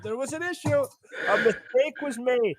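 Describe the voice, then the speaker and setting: Echoing high-voiced man on a podcast. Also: normal speed, slight background noise. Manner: laughing, joking, animated. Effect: voice echoing, like over a public address system. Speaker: podcast co-host. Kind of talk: casual chat.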